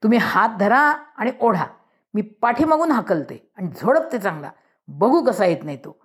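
A woman's voice: medium pitch, sing-song, normal speed, breathy edge, voice pushed up. Woman voicing a stern loving village mother, scolding, then pleading through tears, storybook.

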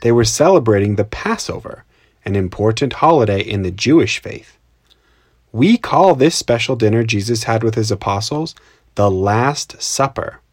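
A man's voice: lowish voice, lively intonation, normal speed, breathy edge, dry recording, clean studio sound. A man co-hosting a children's storytelling podcast, explaining things in simple terms, recorded at home without a proper mic. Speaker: podcast co-host.

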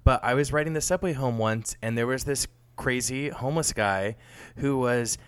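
A man's voice: medium pitch, normal speed, fairly bright tone, clear, resonant tone, no room sound. A man co-hosting a casual podcast, teasing and joking with his co-hosts. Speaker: podcast co-host.

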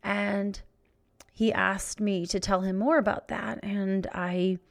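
A middle-aged woman hosting a podcast, telling a personal story in an emotional, halting way as she searches for words. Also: mid-range voice, steady tone, gravelly. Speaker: podcast host. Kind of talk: personal reflective monologue.

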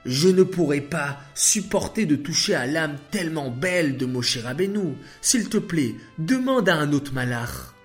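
Soft-hearted angel begging off voiced by a male storyteller, slow, a bit high. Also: expressive, soft background music. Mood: pleading. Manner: pleading. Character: gentle, timid male angel refusing a task.

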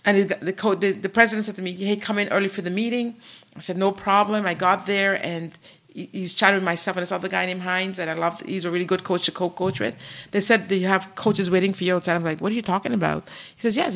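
A woman's voice: mid-range voice, fairly bright tone. A woman in her sixties with a Canadian accent, telling her story as a guest on an interview podcast with eager, repetitive enthusiasm. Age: 60s. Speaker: guest, martial arts coach.

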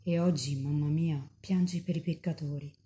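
A woman's voice: sits low, steady tone, moderate pace, warm tone, lightly acted. A woman reading aloud the words of a young woman mystic in rapture, pleading tenderly and fervently with Mary.

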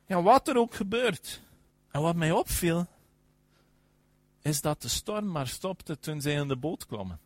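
A man preaching a sermon, emphatic, often affirming with "ja" and swinging between loud and soft. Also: fairly high pitch, big pitch swings, measured pace, pauses often, no echo.

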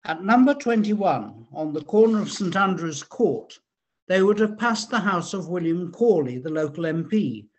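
A man narrates scripted history in a measured storyteller's manner, his voice a touch high and rough-edged.

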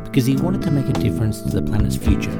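A man delivers a scripted narration in a measured, even way. Loud guitar music plays under his voice. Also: medium pitch.

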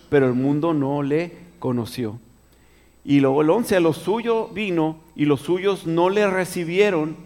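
A man's voice: a little high, a little mellow, in a large hall. A man preaching a conversational Bible study sermon, reading verses aloud and asking the listeners questions as he goes. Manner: conversational, repeats and restarts, asks the listeners questions.

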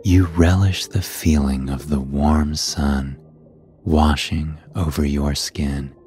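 A man narrating a scripted sleep story as a guide, in a calm, hushed and soothing manner. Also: extremely low pitch. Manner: calm, hushed, unhurried guiding delivery. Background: soft music.

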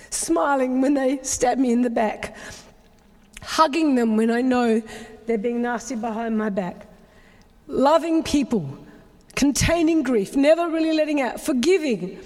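A woman's voice: high voice, a little mellow. A middle-aged woman pastor, preaching an emotional, confessional sermon full of repeated phrases. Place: church sanctuary. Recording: long reverb of a large hall.

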